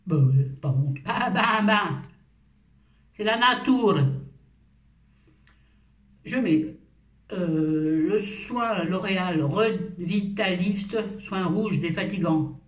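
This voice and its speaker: A woman's voice: lowish voice, very slow, long pauses. Chatty woman in her fifties, roomy echo. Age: 50s. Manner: chatty, self-mocking and playful. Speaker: beauty vlogger. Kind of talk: casual skincare routine chat to camera. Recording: roomy echo, far from the mic.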